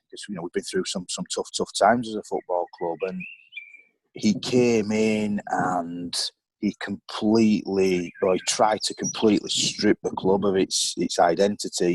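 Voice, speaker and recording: A man's voice: sits low, a little hiss or hum, poor audio. A middle-aged man, a former footballer and board member, candidly telling stories as a podcast guest, rambling with lots of ums and you knows.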